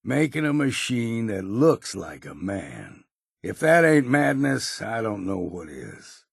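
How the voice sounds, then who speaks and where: Old grizzled hunter for a game, super gravelly, slow folksy talk, gruff and wary. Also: male voice, fairly low pitch, sing-song, no room sound, clean studio sound, full character voice. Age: older. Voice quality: gravelly, husky. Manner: folksy, drawling old-timer phrasing. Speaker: video game companion character. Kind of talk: scripted game voice lines.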